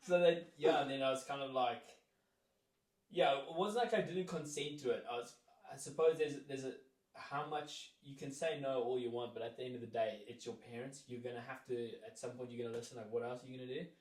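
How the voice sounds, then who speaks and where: A young man from South Africa tells a rambling story as an interview guest, leaning on "like" and acting out what people said to him. His voice sits at an ordinary middle pitch. The room is echoey, and he sounds set back from the microphone. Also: steady tone, brisk, darkish tone. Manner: rambling, lots of "like" fillers, acts out quoted lines. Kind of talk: casual storytelling. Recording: roomy echo, mic at a distance.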